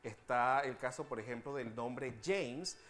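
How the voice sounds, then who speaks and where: A man's voice: mid-range voice, animated. Teacherly man explaining spelling. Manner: patient, teacherly, slows to spell out examples. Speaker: language segment host.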